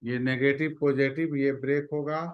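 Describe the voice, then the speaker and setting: A man teaching a chemistry class, pausing to scold and prod his students to answer. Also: medium pitch, level tone, clean tone, highs cut off. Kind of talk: classroom lecture.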